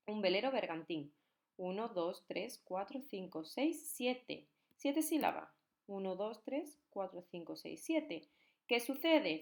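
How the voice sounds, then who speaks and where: A woman teacher gives a recorded lesson on poetic meter, counting syllables aloud and checking in often. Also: medium pitch.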